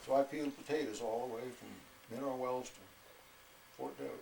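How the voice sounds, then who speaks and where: A man in his eighties, an old military veteran recalling his service in an interview in a halting, unhurried way. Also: mid-range voice, fairly even intonation, creaky, dark tone. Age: 80s. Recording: echoey room with faint noise.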